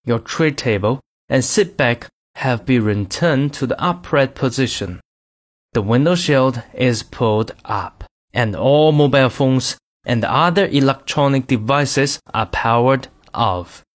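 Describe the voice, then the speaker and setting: A man reading scripted in-flight cabin announcements in a formal, measured announcer manner. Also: medium pitch.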